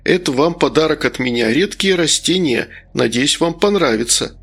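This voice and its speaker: Man doing a polite eager gardener, flattering, slightly raised pitch, gravelly. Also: moderate pace, heavily acted. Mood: courteous. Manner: courteous, eager.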